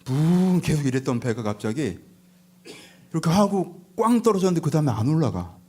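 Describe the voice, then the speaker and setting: A male pastor giving a lively, conversational sermon, telling the story with rhetorical questions and acting out the people in it. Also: fairly high pitch, a little fast, slightly rough. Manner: animated storytelling, acts out disciples and Jesus, rhetorical questions. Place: church sanctuary.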